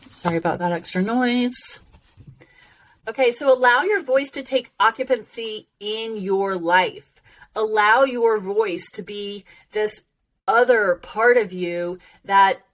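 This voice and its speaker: Woman coach with drawn-out, hissy s sounds. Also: mid-range voice. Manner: emphatic, encouraging, checks in with "okay". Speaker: workshop teacher, voice coach. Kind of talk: informal self-help teaching.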